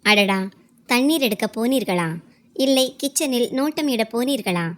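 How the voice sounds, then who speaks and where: A woman voicing a sharp-tongued, scornful young daughter-in-law who mocks and accuses. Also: a little high, expressive, normal speed. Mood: accusing. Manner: mocking, accusing.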